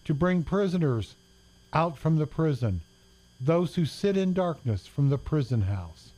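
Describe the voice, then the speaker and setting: Man reading scripture slowly. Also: a little high, big pitch swings, warm tone. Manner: slow, deliberate reading.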